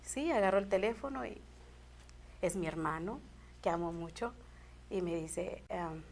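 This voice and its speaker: A woman's voice: lowish voice, animated, unhurried, darkish tone, slight background noise. A woman telling an emotional faith testimony in an earnest, heartfelt way as a guest. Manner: earnest, heartfelt, repeats and restarts phrases.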